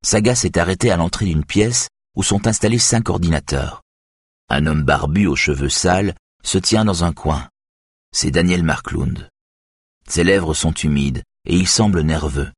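Deep, husky male narrator for a thriller audiobook, measured and dry. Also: no room sound. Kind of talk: scripted narration.

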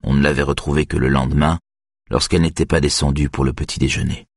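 A man narrating a novel in a measured, somber way. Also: a bass voice, fairly even intonation, no room sound, studio quality. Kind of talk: audiobook narration.

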